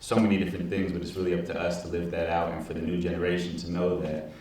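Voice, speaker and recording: A man's voice: deep voice, little pitch movement, fast talker, darkish tone, slight background noise. A man in his twenties on a discussion panel, speaking earnestly and reflectively on a handheld mic in a large auditorium. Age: 20s. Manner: earnest, reflective, repeats words while thinking. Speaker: panelist, teaching artist. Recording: echoey hall, from far off.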